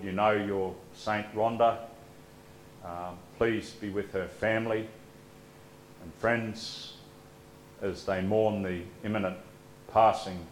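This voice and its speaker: Male pastor, low and very slow, solemn liturgical delivery, cathedral-like echo. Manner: measured, solemn liturgical reading. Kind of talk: leading liturgical prayers. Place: church sanctuary. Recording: echoey church room with faint hum.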